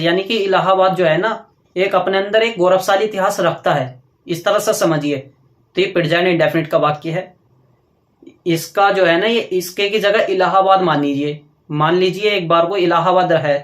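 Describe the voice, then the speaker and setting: A man teaching a grammar lesson, explaining step by step and dictating slowly while he writes on a board, often asking questions and answering them himself. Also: high voice, echoey room. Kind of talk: classroom grammar lecture.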